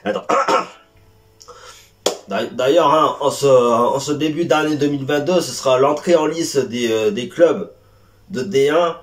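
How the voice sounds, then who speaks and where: A man hosts a casual football debrief and talks slowly, stumbling through fillers and restarts. His voice has a medium pitch, and the room around him echoes noticeably. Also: far from the mic, slight background noise. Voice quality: hesitant, filler-heavy. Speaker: football vlog host.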